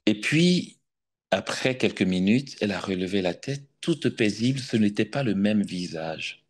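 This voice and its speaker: A man preaching a sermon in French, telling a deliverance story in a measured, hesitant way and then rising into emphatic preaching. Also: fairly low pitch, expressive, slightly rough. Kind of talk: sermon with personal testimony.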